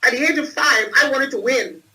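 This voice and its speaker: A woman's voice: sits high, fairly quick, pushed and bright, far from the mic, low-quality recording. A woman from Trinidad and Tobago, telling her life story emphatically as an interview guest on a video call. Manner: emphatic, repeats phrases for effect. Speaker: guest, entrepreneur and speaker.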